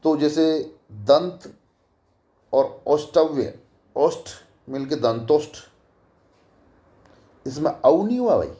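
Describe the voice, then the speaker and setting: Slow, mellow male grammar teacher. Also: a little high, expressive. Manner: slow, repeats each example and asks rhetorical questions. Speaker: Hindi college teacher. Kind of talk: grammar lecture.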